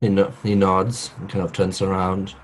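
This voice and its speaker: A man narrating as game master in a tabletop game, halting and full of fillers. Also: low voice, flat delivery, low-quality recording.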